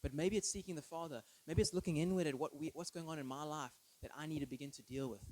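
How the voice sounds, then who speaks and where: A thirty-year-old preacher with a fairly high, darkish voice speaks quickly on a low-quality recording. His sermon is informal and conversational, full of personal stories, and he keeps checking in with listeners through short tag questions.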